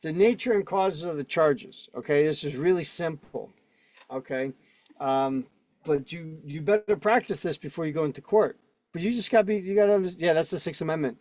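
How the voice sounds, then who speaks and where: A man's voice: a little high, fairly quick, darkish tone. Argumentative man teaching over a call. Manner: argumentative, keeps checking in with "right?" and "okay?". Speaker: instructor. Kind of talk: casual teaching on a video call. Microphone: video call.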